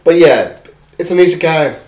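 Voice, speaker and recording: A man's voice: fairly high pitch, normal speed, a little mellow. A young man co-hosting a podcast in casual chat, rambling with lots of filler words and swearing freely. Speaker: podcast co-host. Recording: echoey room.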